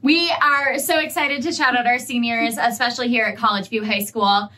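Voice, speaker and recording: A woman's voice: fairly high pitch, fairly even intonation, normal speed, sharp tone. A young woman on the school staff, hosting a celebratory video message indoors and talking eagerly with many fillers. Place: indoor school room, seated side by side.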